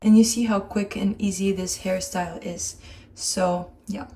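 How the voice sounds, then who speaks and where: Mellow-voiced woman chatting in an echoey room. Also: mid-range voice, fairly even intonation, unhurried, a little hiss or hum. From Kazakhstan. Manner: chatty and open, talking while she works. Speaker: beauty vlogger. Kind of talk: casual chat during a hair tutorial. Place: home room, in Hong Kong. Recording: echoey room with faint ambience.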